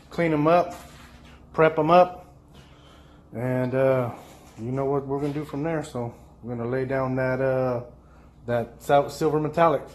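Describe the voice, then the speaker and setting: A man's voice: mid-range voice, a little mellow, rough recording. A man narrating his own workshop vlog in a loose, chatty way, with many fillers and restarts. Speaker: DIY vlogger.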